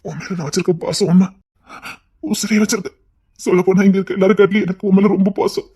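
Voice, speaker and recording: An actor playing a middle-aged uncle in a TV serial, tender and pleading, who keeps repeating endearments. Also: male voice, high voice, fairly even intonation, fast, mellow, breathy edge. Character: doting, guilt-ridden middle-aged uncle. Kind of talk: TV serial acting.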